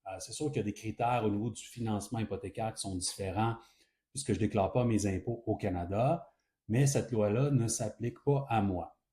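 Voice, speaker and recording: A man with a Quebec French accent calmly explaining rules step by step, as an advisor talking to viewers. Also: lowish voice, fairly quick. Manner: calm, methodical explaining. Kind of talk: explanatory talk to camera.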